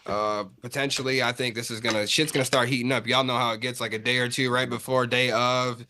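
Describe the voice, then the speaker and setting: A man hosting a casual sports podcast, talking in relaxed slangy banter and calling his friends bro. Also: medium pitch, fast. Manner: laid-back slangy banter, says bro often. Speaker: podcast host.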